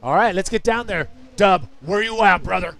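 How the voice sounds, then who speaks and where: A man co-hosting an excited live surf broadcast, casual and exclamatory in his delivery. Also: sits high, moderate pace, vocal fry. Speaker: live sports commentator and broadcast host.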